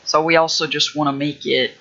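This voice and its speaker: A man's voice: a little high, level tone, a little fast, creaky, sharp tone, muffled recording. A young man livestreaming as he builds a game level, rambling casually with lots of fillers and restarts. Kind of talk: casual thinking-aloud livestream.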